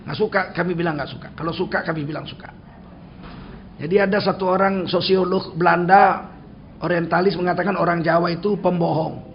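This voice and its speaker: Blunt Medan-accented older preacher, high voice. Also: male voice, a little fast. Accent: Medan Indonesian. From Sumatra. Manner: blunt, animated storytelling, acting out dialogues. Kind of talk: sermon. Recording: dull lo-fi recording with faint noise.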